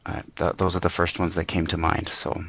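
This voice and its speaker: A man giving an informal instructional presentation, explaining plainly in short, measured points. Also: low-pitched, completely flat delivery, vocal fry, fairly bright tone, lo-fi sound, a little hiss or hum. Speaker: presenter on working with interpreters.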